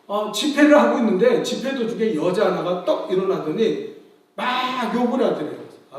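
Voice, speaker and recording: A man with a high voice preaches with great animation, breaking into shouts and acting out the voices in his story. He sounds distant from the microphone, and his voice rings through a very echoey sanctuary. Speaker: pastor. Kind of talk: sermon. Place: large church sanctuary. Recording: very echoey hall, voice from afar.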